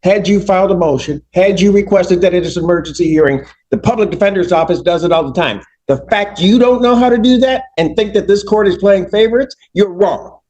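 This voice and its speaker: A man's voice: high voice, a little mellow. A middle-aged man presiding as judge, speaking sternly and emphatically on a courtroom recording. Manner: stern, lecturing, measured and emphatic. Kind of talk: courtroom proceedings.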